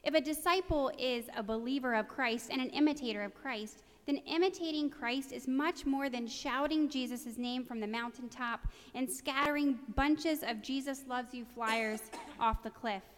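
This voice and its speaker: Woman, preacher, sermon, earnest, conversational, self-deprecating, slightly high voice, long hall reverb.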